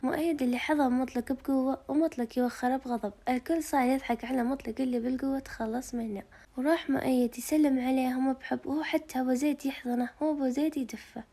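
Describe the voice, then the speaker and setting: Fast-talking woman reading a novel. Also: sits high, fairly even intonation, dark tone. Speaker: narrator.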